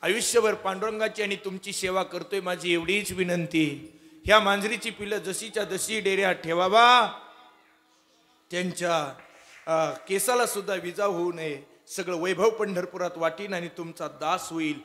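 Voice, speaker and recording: Man doing a humble old potter, praying low and earnest, kirtan story. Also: normal speed, pushed and bright. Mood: devout. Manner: low, earnest, devout pleading.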